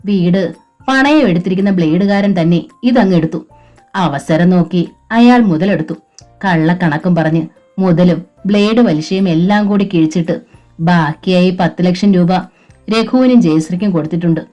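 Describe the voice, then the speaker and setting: A woman voicing a sorrowful, blunt older grandmother in an audio novel, with a measured, matter-of-fact delivery. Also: fairly low pitch, warm tone, faint music behind, close to an everyday voice.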